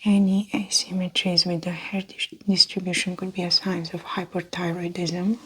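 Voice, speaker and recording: A woman playing a calm, methodical female doctor in an ASMR role-play, speaking in a soft breathy soft voice with gentle clinical narration. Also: lowish voice, moderate pace, slight background noise, close to an everyday voice, rough recording. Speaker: ASMR performer.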